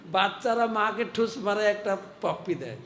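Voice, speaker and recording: A monk delivering a storytelling sermon, animated and dramatic, acting out the voices in the story. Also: male voice, high-pitched, a little slow.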